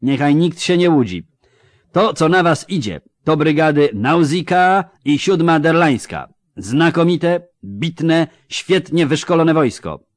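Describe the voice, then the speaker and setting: Guy putting on a loud mocking army boss, barks orders, pitched up high and pushy, dry close sound. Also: no echo, heavily acted. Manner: mocking, coarse, barking orders. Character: crude sarcastic male army commander bellowing at troops. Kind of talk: audiobook character voice.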